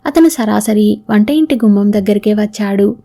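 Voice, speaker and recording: A woman's voice: mid-range voice, moderate pace, warm tone. A woman narrating a novel aloud as an audiobook, reading both spouses' lines in her own voice.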